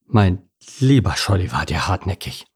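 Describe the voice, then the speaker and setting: A man's voice: mid-range voice, very animated, unhurried, gravelly, husky, exaggerated voice. A man doing a weary, thoughtful eel. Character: calm, thoughtful male eel, a bit weary. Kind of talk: storybook reading.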